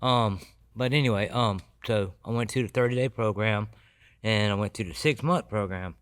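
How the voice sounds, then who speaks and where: A man giving his personal recovery testimony as a podcast guest, earnest and halting with many restarts. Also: lowish voice, a bit bright, clear, resonant tone.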